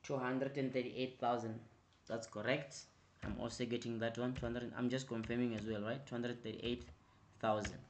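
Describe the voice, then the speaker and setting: A man's voice: mid-range voice, little pitch movement. Man tutoring, prompting with repeated "right?". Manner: repetitive, prompting with "right?" and "quickly"; grows louder and more emphatic when explaining. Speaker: accounting tutor. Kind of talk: online revision lecture.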